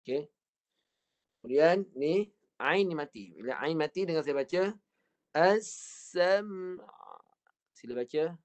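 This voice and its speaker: A man with a Malaysian accent leads a slow Quran recitation lesson, modelling each word and having the class repeat it. His fairly high voice is animated, at a moderate pace with long pauses. The online class recording sounds dull and lo-fi.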